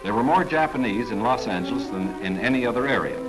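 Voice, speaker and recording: A man giving formal, measured 1940s government newsreel narration. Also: medium pitch, animated, rough recording. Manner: formal, measured, authoritative delivery. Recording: narration over clear background music.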